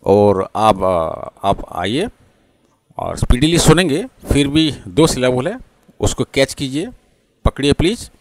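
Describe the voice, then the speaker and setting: A man with an Indian English accent teaching English pronunciation, slowly repeating words and spelling them out letter by letter. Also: medium pitch, sing-song, no room sound. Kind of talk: classroom-style lesson mixing Hindi and English.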